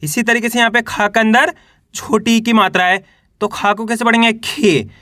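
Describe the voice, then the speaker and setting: A man's voice: high voice, little pitch movement, bright, forceful tone, no room sound, studio quality. A man teaching a reading lesson, patiently sounding out syllables one by one and drawing out the vowels. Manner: patient, deliberate, drawn-out vowels.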